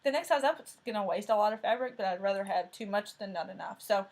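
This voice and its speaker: Talking fast, with a darkish tone and lively intonation in a mid-range voice, this woman chats about cross-stitch projects on her crafting vlog. Her thick Southern Tennessee accent comes through as she rambles, often using fillers and self-corrections.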